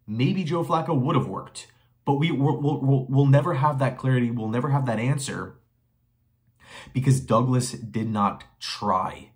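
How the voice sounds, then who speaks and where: A young man talking into a desk camera in a small bedroom, heated and emphatic as he builds his case. His voice sits at an ordinary middle pitch and he stacks up rhetorical questions and repeated lines to hammer his point home. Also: a little slow, a little mellow. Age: young adult. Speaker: sports commentary vlogger. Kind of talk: opinionated solo commentary to camera. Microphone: webcam or phone facing him at desk.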